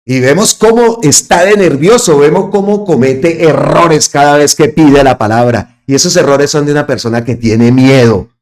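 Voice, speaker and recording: A man's voice: on the high side, normal speed, few pauses, a little mellow. A man hosting his own political commentary channel, talking emphatically and repeating phrases for stress. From Colombia. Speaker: host of an online political channel.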